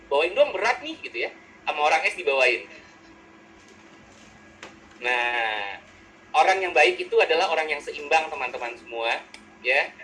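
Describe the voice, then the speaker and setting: Bright-voiced man giving a lively webinar. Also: fairly high pitch, a little hiss or hum, low-quality recording. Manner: acts out personality types in quick quoted voices, joking. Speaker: psychologist and webinar speaker. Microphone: video call.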